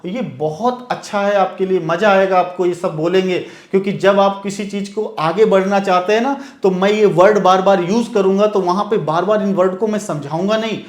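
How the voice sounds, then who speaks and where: A man's voice: high voice, steady tone, a little fast, few pauses. A man from India giving a classroom lecture on stock market terms. He repeats his points and asks and answers his own questions, checking in with "okay?" as he goes. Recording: echoey room.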